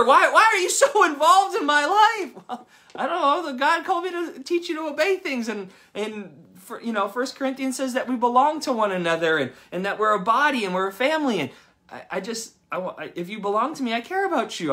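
A man in his thirties preaches to a church congregation with a bright, forceful voice. He speaks conversationally and animatedly, slipping into lively voices when he quotes people. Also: fairly high pitch. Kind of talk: sermon. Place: church service.

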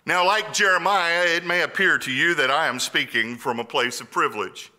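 A man's voice: on the high side, moderate pace, sharp tone. A middle-aged man from Louisiana, preaching an earnest sermon that moves from personal storytelling to emphatic appeals.

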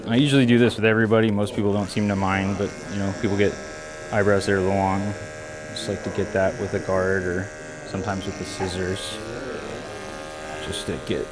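A deep-voiced American man, a barber, talks a little fast with a flat delivery, and the recording is rough with crowd noise. He gives a casual haircut tutorial in an indoor brick-walled shop, explaining easily and thinking aloud. Electric clippers buzz and hum clearly.

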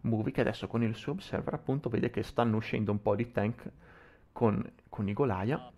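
An esports commentator calls a video game match live, frequently repeating and reworking his phrases. He talks briskly in a lowish, dark-toned voice.

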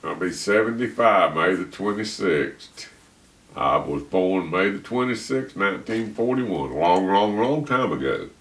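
A man's voice: low voice, lively intonation, a little slow, a bit bright. A man in his seventies, a grandfather, talking casually and plainly to a home camera. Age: 70s.

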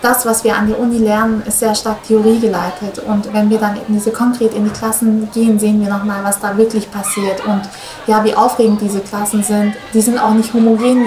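A woman's voice: medium pitch, a little mellow. Earnest young woman in a roomy classroom. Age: 20s. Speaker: student teacher. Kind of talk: interview.

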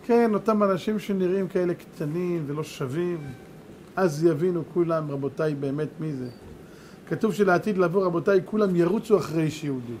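Rabbi giving a lesson, high voice, animated, asks the crowd stuff a lot, bit of hiss behind. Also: male voice. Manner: animated, rhetorical, repeats for emphasis. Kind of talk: storytelling religious lesson.

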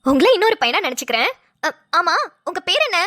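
A woman voicing a kind, tender-hearted middle-aged mother in a homemade cartoon. She speaks gently and motherly, pleading softly. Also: very high-pitched, very animated, quick pace, heavily acted. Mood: gentle.

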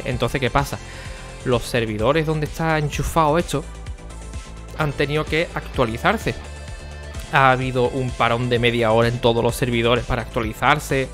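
A young man, chatting casually on a stream and talking to his viewers by name, often keeping his voice low for the neighbours. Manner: speaking quietly for the neighbours.

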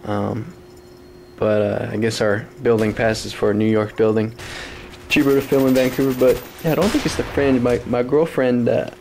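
A man talks over his game footage from his apartment, his voice hoarse and roughened with gravelly fry. He rambles off topic in a loose, profane way, laughing often. His pitch sits in an ordinary middle range. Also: flat delivery, moderate pace, darkish tone, a little hiss or hum. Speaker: gaming commentator. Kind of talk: casual game commentary. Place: apartment at home.

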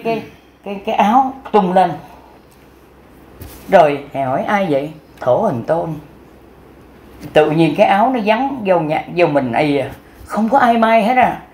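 A man's voice: high voice, a little mellow, reverberant. A man with a Southern Vietnamese accent giving a folksy, improvised storytelling sermon as a Buddhist teacher, repeating words and acting out the dialogue.

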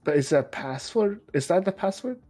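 Giggly woman streamer, husky voice. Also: fairly low pitch, animated, normal speed, mellow, soft background music. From China. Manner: giggly, apologetic. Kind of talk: casual chat while gaming.

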